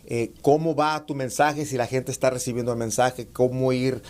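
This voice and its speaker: A man giving an online class on public speaking to preachers, calling them brothers, reading comments and demonstrating raised and lowered voice. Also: flat delivery, normal speed, clear, resonant tone. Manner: addresses listeners as brothers, reads out chat comments; demonstrates shouting and lowering his voice. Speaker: preaching instructor.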